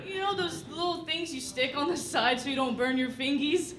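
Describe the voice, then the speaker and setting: A woman's voice: sits high, moderate pace. A young woman performing a stand-up comedy set on a club stage, chatty, with lots of "you know" asides. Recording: echoey club with audience noise. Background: live audience laughter.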